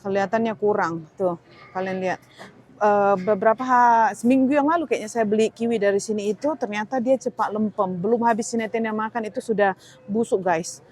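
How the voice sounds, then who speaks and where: In poor audio, a young woman vlogger with a medium-pitched, slightly mellow voice speaks fairly quickly as she browses an indoor supermarket. Her narration is casual, full of thinking aloud and exclamations about prices.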